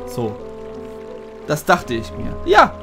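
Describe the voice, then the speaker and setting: A man's voice: on the high side, wildly swooping pitch, slow, exaggerated voice. A man reading a solemn ancient tree spirit. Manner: solemn, stately reading of game dialogue. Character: ancient wise giant tree spirit, male. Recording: game music behind voice.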